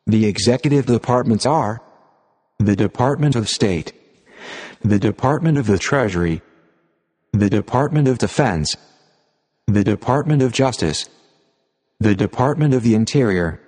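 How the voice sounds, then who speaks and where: Low synthetic male narrator in long reverb. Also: animated, normal speed, long pauses, darkish tone, breathy edge. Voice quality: synthetic computer-generated voice. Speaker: narrator of an audio reading series. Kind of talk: scripted narration, formal text read aloud.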